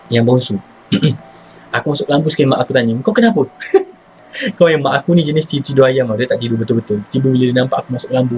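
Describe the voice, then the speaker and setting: A man with a Malaysian Malay accent casually telling his own ghost story, animated and slangy, bursting into his own panicked shouts. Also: mid-range voice, a little hiss or hum, poor audio. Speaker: channel host telling a personal ghost story.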